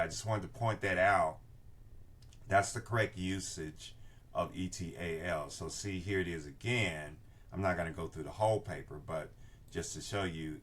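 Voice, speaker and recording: A research class instructor, an older man, speaks low with a slightly rough, somewhat bright quality during an informal screen-share tutorial. He's seen in a video inset, indoors with bookshelves behind him, and he explains while regularly checking that listeners follow.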